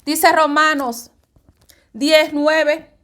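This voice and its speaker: Woman, very high voice, fervent evangelical message, repetitive, direct address. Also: little pitch movement, very slow, bright, forceful tone. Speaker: evangelical preacher. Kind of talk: spoken religious reflection.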